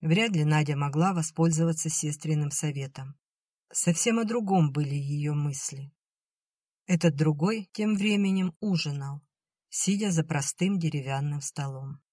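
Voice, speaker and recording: An audiobook narrator reading a literary novel in an even, measured way. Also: mid-range voice, no echo, studio quality.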